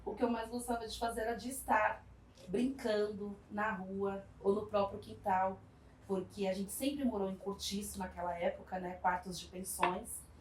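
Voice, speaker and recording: This interviewee, a community project worker from São Paulo, Brazil, is a woman in her 40s with a mid-range voice and a flat delivery. Reflecting on her life story, she pauses, hesitates often and leans on tag questions, though her telling stays warm. The sound is echoey and distant, with faint background noise.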